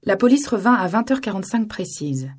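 A woman reading a novel aloud in even, measured scripted narration. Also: mid-range voice, husky. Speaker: audiobook narrator.

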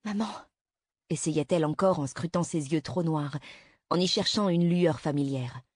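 Low husky woman reading a story. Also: normal speed, darkish tone, dry recording, clean studio sound. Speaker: audiobook narrator. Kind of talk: scripted narration.

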